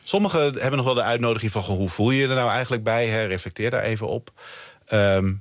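A man's voice: lowish voice, quick pace, dry recording. A Dutch-accented man, a researcher guest on a night radio interview, explaining thoughtfully with many fillers and restarts. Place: radio studio. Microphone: studio mic.

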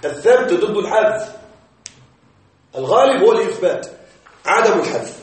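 A male teacher with a high voice lectures on grammar. He works slowly, repeating each point and asking his students if they follow. The sound is distant and heavily echoed, as if from the back of a bare classroom. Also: big pitch swings. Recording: very echoey room, voice far from mic.

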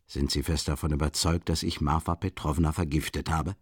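A man voicing a cynical, mocking gentleman villain with smooth irony in an audiobook reading. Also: a bass voice, steady tone, fairly quick, no room sound, clean studio sound, pitched below the performer's own voice. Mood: sneering.

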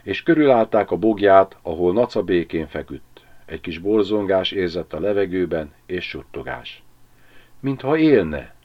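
A man narrating an audiobook in an expressive, measured storytelling manner. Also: deep voice, lo-fi sound. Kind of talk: audiobook reading.

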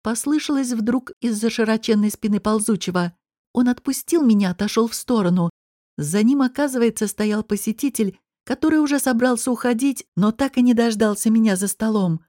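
A woman reading a first-person audiobook in a measured, expressive storytelling manner. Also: on the high side, no echo, clean studio sound. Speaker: audiobook narrator.

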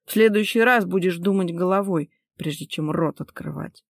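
A woman's voice: on the low side, moderate pace, creaky, dry recording, studio quality. Stern commanding husband, read by a woman. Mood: stern cold. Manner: clipped, sarcastic, commanding.

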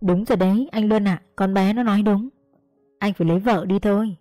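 A woman voicing a kindly, gentle older village aunt who speaks earnestly and encouragingly. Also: mid-range voice, fairly even intonation, brisk, dry recording, soft background music, natural voice.

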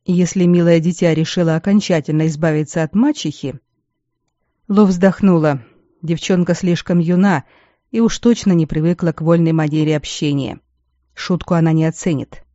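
A woman narrating an audiobook in a calm, measured storytelling manner. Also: deep voice, no echo. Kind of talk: scripted narration. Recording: dull lo-fi recording, dry.

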